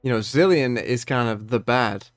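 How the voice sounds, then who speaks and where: A man delivering an unscripted commentary rant, exasperated and incredulous, moving between measured explanation and worked-up emphasis. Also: medium pitch, no room sound, studio quality, faint music behind. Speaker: video creator ranting about card game balance.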